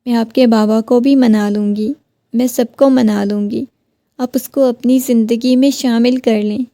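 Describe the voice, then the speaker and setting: Heartbroken young wife, pleading over n over, woman reading her part, mellow voice. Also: on the high side, steady tone, dry recording, natural voice. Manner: pleading, questioning.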